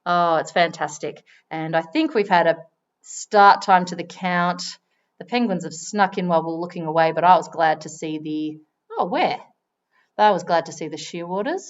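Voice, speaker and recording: A woman's voice: on the low side, moderate pace, lo-fi sound. Chatty woman presenting a wildlife stream. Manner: chatty, bursts into excited exclamations. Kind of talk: live wildlife commentary.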